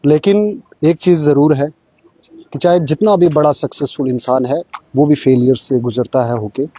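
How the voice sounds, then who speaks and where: A male vlogger reporting on the spot and interviewing, halting and leaning on filler phrases. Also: a little high, mellow, dry recording, muffled recording. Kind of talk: on-the-spot news-style vlog reporting.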